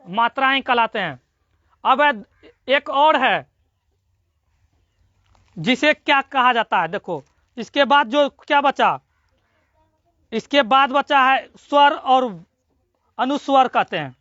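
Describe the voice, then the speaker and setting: A high-pitched teacher with a bright, sharp tone works through a classroom grammar lesson, asking the same question again and again and stretching out each syllable. The dry, dull lo-fi recording has little room sound. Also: expressive, takes it slowly, long pauses, no echo. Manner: drills students with repeated questions and answers.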